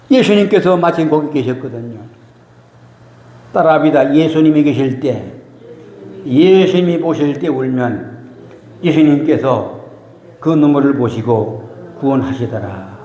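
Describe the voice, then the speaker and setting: A man's voice: high voice, warm tone. A man preaching a sermon as pastor, emotional and emphatic, repeating key phrases. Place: church sanctuary. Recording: roomy church hall reverb.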